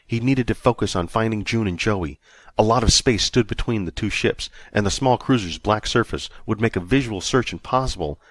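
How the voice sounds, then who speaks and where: A man narrating a sci-fi audiobook in a steady, measured storytelling manner. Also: mid-range voice, dry recording. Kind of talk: scripted narration.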